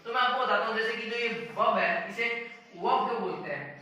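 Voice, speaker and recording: Man, Indian English accent, teacher, asks and answers his own questions, repeats words, high-pitched, very echoey room. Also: lively intonation, fast talker, bright, forceful tone, a little hiss or hum. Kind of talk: classroom-style lesson. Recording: echoey room, mic at a distance.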